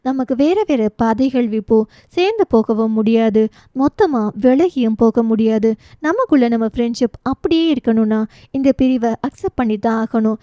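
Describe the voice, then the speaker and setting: Woman playing a firm loyal young woman friend in a storybook romance, earnest, mellow tone. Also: fairly high pitch, expressive, normal speed, no echo, lightly acted.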